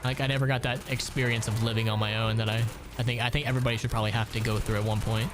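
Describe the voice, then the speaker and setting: A man's voice: medium pitch, flat delivery, racing, over music. A man in his late twenties from Ohio, chatting casually and profanely while gaming on a stream. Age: late 20s. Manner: rambling, profane storytelling.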